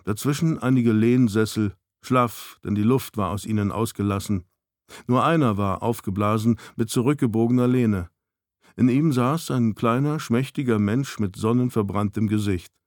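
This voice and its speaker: A man's voice: lowish voice, normal speed, a little mellow, no room sound. Man reading a novel, dry close sound. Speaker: narrator.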